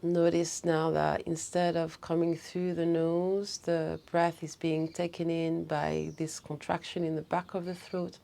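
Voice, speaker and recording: A woman instructor leading a guided breathing practice in short, soothing, unhurried phrases. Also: fairly low pitch, little pitch movement, gravelly, dark tone.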